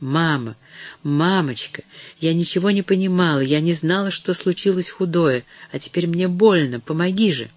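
A terrified teenage girl in an audiobook, voiced by a male narrator, sobbing and begging in a fairly high voice. The recording is dry and close. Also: normal speed, dry recording, lightly acted. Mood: pleading. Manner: pleading, sobbing.

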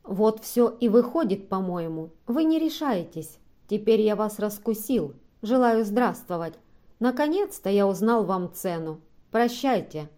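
Woman reading a cold, distrustful guy, scornful and blunt, mellow low-key tone, audiobook. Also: animated, a little slow, close to an everyday voice. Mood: decisive. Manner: accusing, scornful, decisive. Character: stubborn distrustful man confronting a woman.

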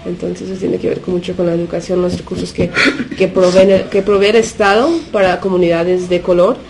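Appearing as a guest on a radio interview, a woman from a punk collective, an American who grew up speaking Spanish, talks unscripted and haltingly, groping for words and dropping English fillers. Her voice is lowish and level, with a noisy background.

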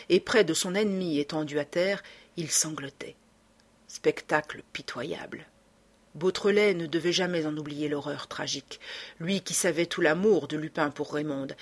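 Husky woman reading a drama aloud. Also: low-pitched. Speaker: narrator. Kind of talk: audiobook narration.

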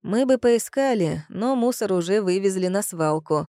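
Gruff sarcastic police colonel, read by a woman. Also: medium pitch, lively intonation, normal speed, dark tone, no echo, clean studio sound, lightly acted. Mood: sardonic. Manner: blunt, sardonic. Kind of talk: audiobook character voice.

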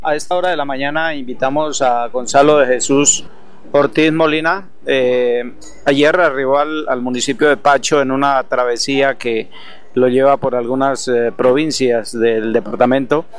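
A man's voice: mid-range voice, fairly even intonation, moderate pace, clear, resonant tone. Polite male radio reporter. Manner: hesitant, polite questioning. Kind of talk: radio interview.

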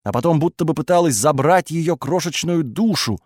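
Brief: man doing a hostile young woman, raised pitch, cutting and accusing. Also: expressive, moderate pace, dry recording, studio quality. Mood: furious, accusing. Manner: sharp, accusing and shouting. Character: angry, defensive young woman with strange powers.

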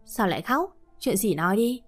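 A curt, impatient young man fires off short, blunt questions and scolds without softening anything. A woman narrator voices him with little change from her own voice. Soft music sits quietly behind. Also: sits high, sing-song, normal speed.

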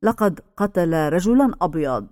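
A woman voicing an aging male village pastor who speaks slowly and solemnly. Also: fairly low pitch, animated, mellow, no echo, studio quality, lightly acted. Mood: grave.

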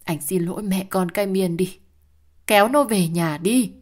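A woman's voice: medium pitch, moderate pace, a little mellow, voice pushed up, natural voice. A woman doing a pleading old grandmother. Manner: pleading, tearful.

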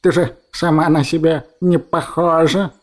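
A man's voice: on the high side, steady tone, a little slow, natural voice. A man voicing a big thoughtful talking cat who muses in a puzzled way. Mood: surprised.

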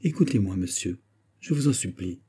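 A man voicing an anxious, devoted noble marquise who speaks in a hushed, pleading way. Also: sits low, animated, moderate pace, slightly rough, exaggerated voice. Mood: earnest.

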